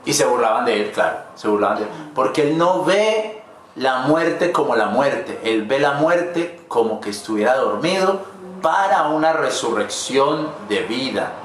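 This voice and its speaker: A man's voice: mid-range voice, very animated, a little slow. A man pastor preaching a sermon in a rambling, folksy way with asides to the congregation. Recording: very echoey church hall with faint noise.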